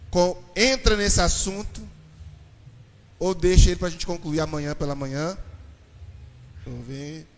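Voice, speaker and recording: A Brazilian man, a pastor, giving a lively church talk on marriage and questioning his audience. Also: a little high, a little hiss or hum. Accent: Brazilian Portuguese. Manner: animated, addresses the audience with questions. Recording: reverberant hall, distant mic.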